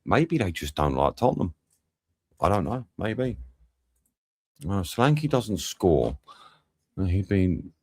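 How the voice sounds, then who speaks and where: Low-voiced, swearing man streaming a match. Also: big pitch swings, slow, pauses often, a little mellow, breathy edge, no room sound, studio quality. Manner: swears often, banters with chat. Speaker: watch-along streamer. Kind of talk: live match watch-along commentary.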